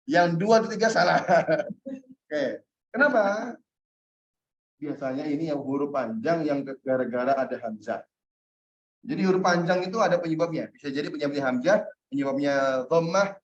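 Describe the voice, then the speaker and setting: A man teaching an Arabic class, explaining step by step and checking in with his students, with an occasional chuckle. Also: on the high side. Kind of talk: online class lesson. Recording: roomy, muffled lo-fi sound.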